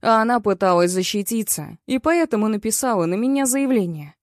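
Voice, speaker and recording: A woman's voice: medium pitch, animated, a little fast, no room sound, studio quality. A woman narrating a first-person story in a blunt, bitter and crude way. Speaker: audiobook reader.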